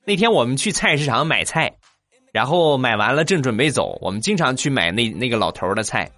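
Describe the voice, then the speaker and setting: A man voicing a fifty-year-old coworker, a mild man who muses slowly and hesitantly. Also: medium pitch, big pitch swings, sharp tone, no echo. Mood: musing. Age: 50s.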